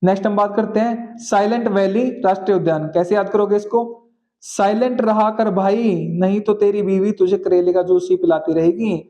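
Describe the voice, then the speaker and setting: A man teaching general-knowledge memory tricks, repeating key phrases slowly and often checking that students follow. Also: high-pitched, fairly even intonation, dark tone, highs cut off. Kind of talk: exam-prep lesson with memory tricks.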